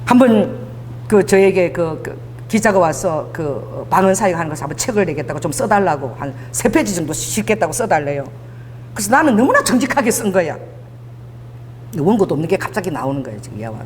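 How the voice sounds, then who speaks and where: A woman pastor preaching a sermon, telling stories in an animated way and laughing as she goes. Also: fairly low pitch, fairly quick, in a large hall, a little hiss or hum.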